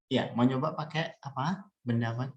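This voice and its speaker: Male teacher, patient, drills phrases slowly; mid-pitched voice in a roomy space. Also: muffled recording. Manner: patient, models sentences slowly and deliberately. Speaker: language teacher. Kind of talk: online language lesson. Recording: roomy echo.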